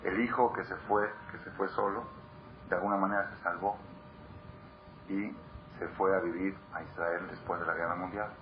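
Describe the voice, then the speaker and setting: A man's voice: low voice, steady tone, moderate pace. A man teaching a Torah class, emphatic, repeating words for stress and putting questions to his listeners. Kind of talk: Torah class to a live audience. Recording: dull lo-fi recording with clear background noise.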